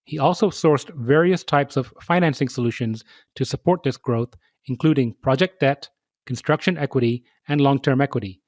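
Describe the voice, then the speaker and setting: A man hosting a podcast interview, reading measured, scripted introductions and asking questions. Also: mid-range voice, darkish tone, dry recording, studio quality. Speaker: podcast host.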